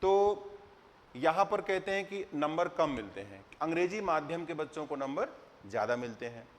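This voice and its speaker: A middle-aged man teaching exam candidates, explaining with rhetorical questions and recited verse. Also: fairly high pitch. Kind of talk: lecture to exam students. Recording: long hall reverb.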